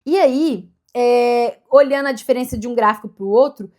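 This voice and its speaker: A woman's voice: a little high, moderate pace, darkish tone. A woman, chatting casually to camera in a vlog and often correcting herself mid-sentence. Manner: chatty, self-correcting, upbeat. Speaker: vlogger.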